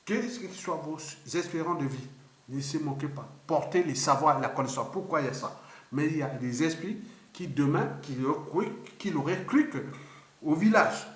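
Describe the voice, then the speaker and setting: This man in his fifties, a political commentator from the Republic of the Congo, talks off the cuff about politics, repeating himself, rambling and pushing hard on his points with restarts. His slightly high voice has lively intonation and a brisk pace. It's captured in a roomy, echoey room.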